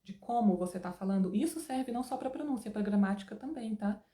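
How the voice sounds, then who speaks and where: Brazilian woman teaching, mellow voice, echoey room. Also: mid-range voice, lively intonation, brisk. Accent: Brazilian Portuguese. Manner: explains patiently, opinionated asides. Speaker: English teacher. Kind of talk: online language lesson.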